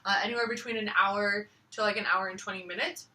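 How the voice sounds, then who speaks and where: A woman reading tarot in casual chat from her living room floor, rambling and relaxed with many fillers. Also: medium pitch, quick pace, recorded from a distance. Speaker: tarot reader. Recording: echoey room, from off the mic.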